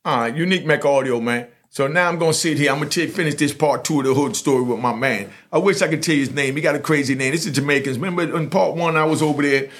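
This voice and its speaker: Speaking quickly and rarely pausing, this New York man has a fairly high, slightly bright voice. As a storyteller host, he chats casually through a lengthy street tale, wandering off course with lots of fillers and false starts.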